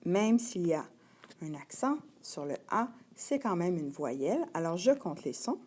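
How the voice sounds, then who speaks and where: Slow, patient woman teaching reading. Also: on the low side, sing-song, darkish tone. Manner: slow, clear, sounding out letters and syllables. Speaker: primary school teacher.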